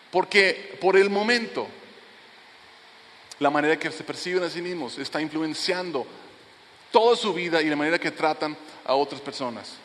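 A middle-aged pastor preaches a sermon in a church sanctuary. His voice sits fairly high for a man, and he drops into soft, low lines to press a point home. A long reverb trails off his words through the hall.

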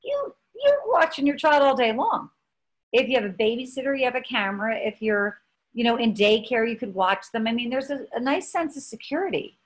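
A woman in her fifties co-hosting a podcast tells stories in a casual, rambling way, often restarting her sentences. Her voice is fairly high, animated and brisk, and the recording quality is low.

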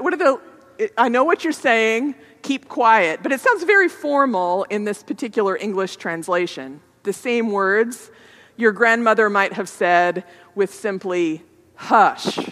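A woman's voice: mid-range voice, long reverb tail. A woman pastor giving a sermon in a reflective, conversational way, in a church sanctuary.

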